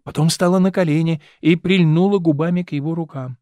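A man narrates a novel in a measured, expressive way. His voice is high for a man, and the recording is dry and close with no room sound. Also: no room sound. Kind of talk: audiobook reading of a novel.

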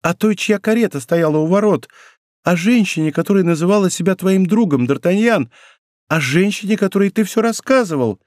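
A fragile young woman, high and pleading, her words tumbling out breathlessly, as a male reader raises his voice for her. The sound is close and dry, the way a studio audiobook is. She clings to the man she loves. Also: lively intonation, a little fast, a little mellow, dry recording. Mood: anxious. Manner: pleading, breathless emotional delivery. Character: young woman, frail, loving, dying of poison. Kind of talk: audiobook role reading.

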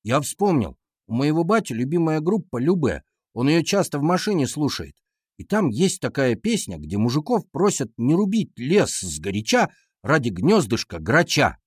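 A man voicing a mischievous young schoolboy in a children's audiobook, cheeky and lively. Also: a little high, normal speed, breathy edge, dry recording, clean studio sound. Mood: eager.

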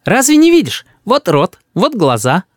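Squeaky spoiled little kid, yelling, bossy, dry close sound. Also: male voice, huge pitch swings, measured pace, no room sound, heavily acted. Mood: smug. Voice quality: shrill, shouting.

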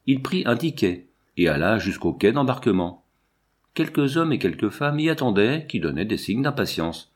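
A man with a low voice narrates a classic novel aloud. His delivery is expressive, with pitch and loudness shifting from phrase to phrase. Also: moderate pace, slightly rough. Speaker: audiobook reader. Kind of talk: literary narration.

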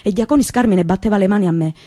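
An actress with a Calabrian accent playing a young woman from Reggio, telling her memories in a lively, colloquial theatrical monologue. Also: mid-range voice, very fast, dry recording, clean studio sound, lightly acted. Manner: lively storytelling, repetitive and colloquial.

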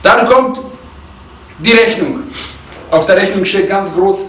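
Man, religious lesson, high voice, echoey room, a bit off the mic, quick Arabic quotes, explains them with stories. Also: fairly bright tone, far from the mic, a little hiss or hum. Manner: reads Arabic quotes quickly, then explains in German, often asking "ja?"; grows heated and indignant when telling a story. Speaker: religious teacher. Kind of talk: lecture explaining hadith with anecdotes. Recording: roomy sound, speaker away from the mic.

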